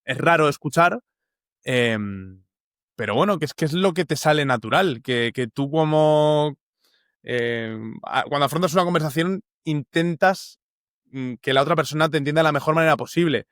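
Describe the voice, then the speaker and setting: A man's voice: fairly high pitch, moderate pace, fairly bright tone, no room sound, clean studio sound. A young man from Uruguay with a Spanish accent from the Valencia area, a journalist talking as a guest in a casual interview, thoughtful and full of fillers and restarts.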